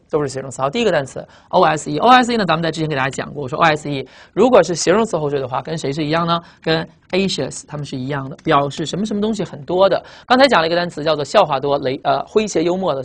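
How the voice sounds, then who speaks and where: Guy teaching vocab fast, going over word roots, repeats stuff so you remember it, reads the english words out slow. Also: fairly high pitch, fairly bright tone. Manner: explains word roots, repeats key phrases for memorizing. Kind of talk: lecture.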